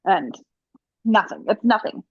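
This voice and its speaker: A woman's voice: medium pitch, expressive, a little slow, slightly rough, no room sound, highs cut off. A young woman co-hosting a podcast, chatting casually and rambling, tripping over words now and then. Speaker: podcast co-host. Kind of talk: casual chat.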